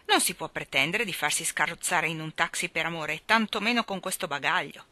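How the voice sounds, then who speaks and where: A woman's voice: low-pitched, a little fast, pushed and bright, no echo. A woman voicing a grumbling, sarcastic male cab driver in a story reading.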